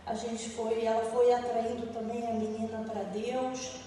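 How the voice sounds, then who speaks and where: A middle-aged woman gives a church testimony, speaking a little high. She tells her story and plays out the voices of the people in it. She is heard from a distance in a reverberant hall with a faint hum behind her. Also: little pitch movement, unhurried. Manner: storytelling, acting out quoted voices. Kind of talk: testimony sermon. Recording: echoey hall from far off.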